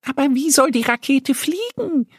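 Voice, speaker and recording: A man voicing an eager, dreamy little girl duck in a children's story, high and childlike. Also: animated, moderate pace, dry recording, clean studio sound.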